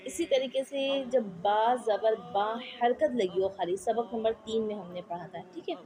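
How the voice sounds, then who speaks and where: A woman's voice: a little high, moderate pace, mellow. A woman teaching Quran reading in a patient, explanatory way. She repeats each point and keeps checking that her students follow. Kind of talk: slow explanatory lesson with spelled-out drills.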